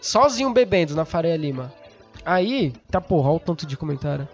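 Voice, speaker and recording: A young man, hosting a podcast while stoned, rambling and excitable, swearing often and losing his thread. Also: a little high, fairly quick, lo-fi sound, soft background music. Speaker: podcast host. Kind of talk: casual rambling storytelling.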